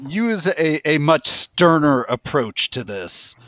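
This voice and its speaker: A man playing a tabletop game, speaking in character in a slow, hushed, deliberate way, at times whispering, with a gravelly, husky voice. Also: fairly high pitch, very animated, dry recording, studio quality. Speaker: player. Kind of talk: in-character tabletop role-play.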